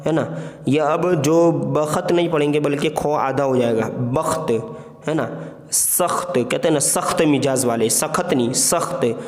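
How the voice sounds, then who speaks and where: A man's voice: mid-range voice, a little mellow. Male reading teacher, patient letter-by-letter delivery, roomy recording with a long echo tail. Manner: slow, spells out letters one by one with "है ना" and "ठीक है" checks. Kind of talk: online reading lesson. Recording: echoey room with long reverb.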